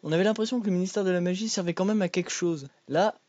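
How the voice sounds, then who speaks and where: A man's voice: sits high, fast talker, darkish tone, dry recording. A young man hosting a comic film review video, irreverent and crude in his jokes.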